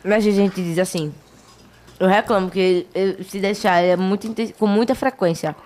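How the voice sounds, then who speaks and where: A woman's voice: medium pitch, steady tone, moderate pace, darkish tone. A woman, a guest chatting casually and emphatically on a podcast, often laughing.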